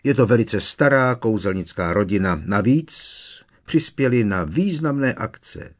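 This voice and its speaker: A man's voice: lowish voice, animated, voice pushed up, lightly acted. A man reading an audiobook, voicing a defensive middle-aged male minister who argues in an agitated, raised voice. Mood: indignant.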